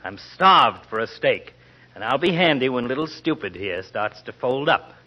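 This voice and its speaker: An actor playing a sardonic, bombastic middle-aged doctor in 1940s radio comedy, wordy and pompous. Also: male voice, mid-range voice, very animated, normal speed, pushed and bright. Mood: dryly sarcastic. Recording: muffled old radio broadcast.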